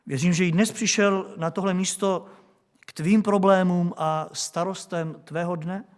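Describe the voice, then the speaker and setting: A male preacher delivering a sermon, questioning his congregation with rhetorical questions. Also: a little high.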